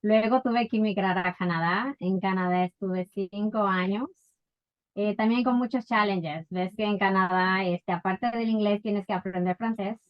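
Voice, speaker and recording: A woman from Ecuador telling her life story as an interview guest, unhurried and full of fillers. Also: medium pitch, steady tone, dull audio. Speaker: guest entrepreneur. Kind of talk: casual interview.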